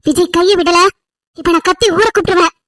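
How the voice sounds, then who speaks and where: A woman's voice: very high-pitched, quick pace, a bit bright, dry recording, studio quality. A woman voicing a distressed young woman in a cartoon story, pleading and breaking into tearful outbursts. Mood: defiant. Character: distressed young woman Vennila, anguished and defiant.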